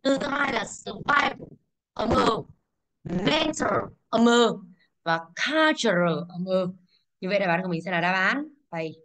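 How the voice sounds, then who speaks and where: Brisk woman teacher quizzing her class. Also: medium pitch, fairly bright tone, poor audio. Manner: brisk, asks the class questions and answers them herself. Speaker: English teacher. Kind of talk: exam answer walkthrough.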